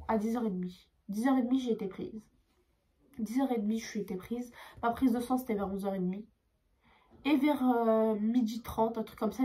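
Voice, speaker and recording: A young woman telling a storytime vlog, tired, expressive and swearing as she acts out her dialogue. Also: on the high side. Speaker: vlogger.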